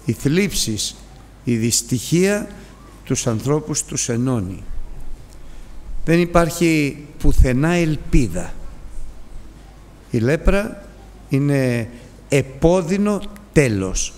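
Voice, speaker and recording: A male preacher giving a sermon, telling the story dramatically with big swings in pitch and loudness. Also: sing-song, long pauses. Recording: long hall reverb.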